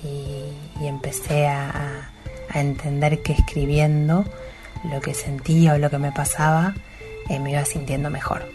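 Woman poet, low soft voice over music, reflective and hesitant. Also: flat delivery, measured pace. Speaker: poet guest. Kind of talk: recorded interview and poetry reading.

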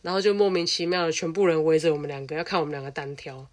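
A young woman with a Taiwanese Mandarin accent tells a personal story, blunt, animated and casual, swearing freely. Her voice is deep and she talks very fast.

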